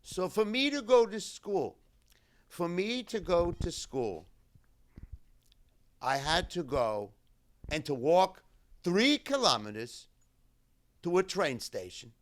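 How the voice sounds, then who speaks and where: A high-pitched, very animated man, a cantor, addresses a memorial gathering as keynote speaker. He tells a survivor's story in the first person, keeping his phrasing short, measured and deliberate.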